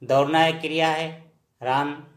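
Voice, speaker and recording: A man teaching a language lesson, explaining words slowly and repeating each one, often checking in with his viewers. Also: fairly high pitch, flat delivery, reverberant. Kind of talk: slow spoken lesson, explaining word by word.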